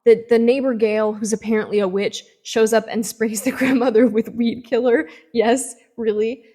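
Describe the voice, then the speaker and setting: A woman giving a casual book review, retelling the plot in an animated way with swings in tempo and lots of fillers. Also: a little high, moderate pace, husky.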